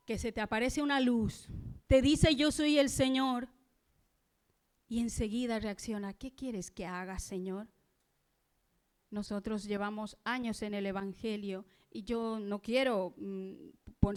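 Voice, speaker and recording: A woman delivers a sermon at an unhurried, deliberate pace. Her voice is clear and smooth, pitched a touch high, and she leans on rhetorical questions as she reflects on her text. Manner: earnest, slow preaching with rhetorical questions. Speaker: preacher. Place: church.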